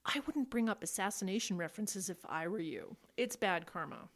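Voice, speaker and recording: An actress playing a sharp-witted, exasperated radio station employee with a wry, dramatic manner in a comedic audio drama. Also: female voice, mid-range voice, lively intonation, fairly quick. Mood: dryly scheming.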